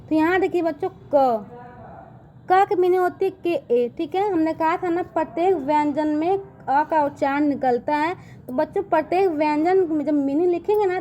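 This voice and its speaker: High-voiced Hindi teacher woman. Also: warm tone, a little hiss or hum. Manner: repeats "ठीक है" and quizzes the viewers. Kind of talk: classroom lesson for children.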